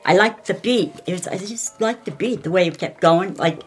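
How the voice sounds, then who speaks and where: A woman's voice: fairly low pitch, moderate pace, husky. Older woman, grandmotherly, chatting over music. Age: older, 60s or over. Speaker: reaction video co-host. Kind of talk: casual unscripted reaction chat. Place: small indoor room, seated.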